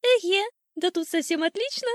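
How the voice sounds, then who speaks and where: Storybook critter: a cocky old cock sparrow, squeaky-high and bouncy, loud and teasing, voiced by a woman. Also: lively intonation, normal speed, no room sound, clean studio sound. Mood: boastful chirpy. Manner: shrill, boastful and teasing.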